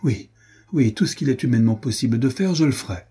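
A man's voice: medium pitch, animated, quick pace, dark tone, breathy edge. A man voicing an older nobleman in a storybook, firm and earnest. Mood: resolute. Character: older nobleman, shocked and resolute.

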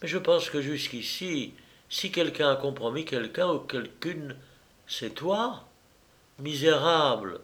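A man's voice: a little high, expressive, measured pace, a bit bright, voice pushed up. A man voicing a proud, fiery young kept woman who speaks in fierce, cutting words. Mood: scornful.

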